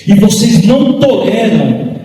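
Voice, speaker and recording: A man voicing Jesus, speaking gravely and emphatically to the religious men. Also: big pitch swings, unhurried, slight background noise. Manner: grave, emphatic, lower and louder. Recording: echoey hall from far off.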